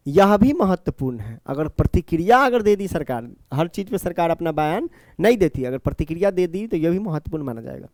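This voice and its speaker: Man, teacher, classroom lecture, repeats and explains, asks and answers himself, slightly high voice. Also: a little mellow, no room sound, clean studio sound.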